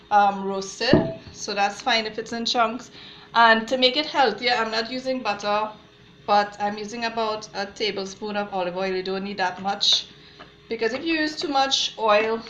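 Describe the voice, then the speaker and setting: A woman's voice: mid-range voice, very noisy. A woman, a mother cooking at home and chatting viewers through each step of a recipe. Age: adult mother. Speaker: home cook showing a recipe. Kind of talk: casual cooking demonstration. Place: home kitchen. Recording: echoey kitchen with clattering cookware. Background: dishes, cutlery and blender clatter.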